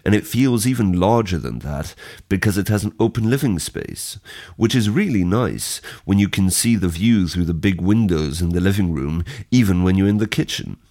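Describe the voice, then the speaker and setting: Young man, very low voice, wide pitch swings, scripted lesson narration, steady reading. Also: moderate pace. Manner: reads steadily from a script, describing a home. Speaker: speaker in a listening exercise. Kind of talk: scripted first-person narration.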